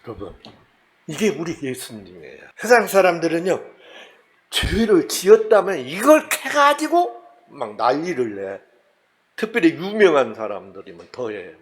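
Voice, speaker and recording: A man with a Jeolla Korean accent preaches a Sunday sermon. His voice sits a little high and leaps up and down in lively swings as he acts out the stories. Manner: animated, acts out scenes with voices and laughs. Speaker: pastor.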